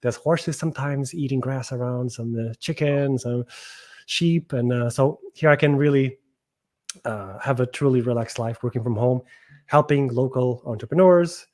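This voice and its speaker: A man's voice: medium pitch, normal speed, darkish tone. A man from Portugal, a guest answering interview questions in a thoughtful, hesitant way with frequent restarts. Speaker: podcast guest, entrepreneur. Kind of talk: casual interview talk.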